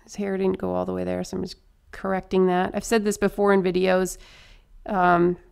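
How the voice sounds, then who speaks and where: A young woman chatting her way through a face painting tutorial, upbeat and a little hoarse. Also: on the low side, completely flat delivery, moderate pace, a little mellow. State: slightly hoarse.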